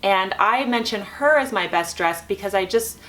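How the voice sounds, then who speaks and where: A woman host chatting casually in a vlog, keeping her voice quiet at night as if someone is asleep nearby. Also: expressive, normal speed, rough recording. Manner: keeping voice low at night so as not to wake a sleeping baby.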